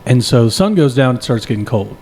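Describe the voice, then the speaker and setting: A man's voice: medium pitch, expressive, a little fast, a little mellow. A man chatting and telling stories casually on a podcast, jokey and full of slang. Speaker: podcast co-host. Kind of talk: casual podcast chat and storytelling.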